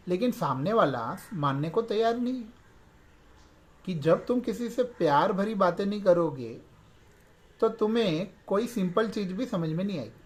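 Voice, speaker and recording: An earnest man talks through how families should speak to each other, explaining patiently and slipping English words in as he goes. His voice sits a little on the higher side. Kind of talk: reflective talk on family communication.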